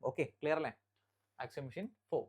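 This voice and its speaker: A Kerala-based teacher delivers a current affairs lecture for exam preparation, with a medium-pitched, expressive voice that's darkish and slightly rough. Headlines in English are read slowly and then explained, key points are repeated, and the audience is checked on often.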